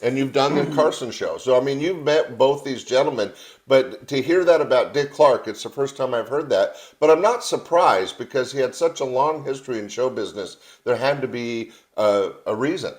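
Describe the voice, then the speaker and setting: A man with a medium-pitched voice hosts a comedy show. He presents conversationally, moving between announcements and chat. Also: normal speed. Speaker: show host.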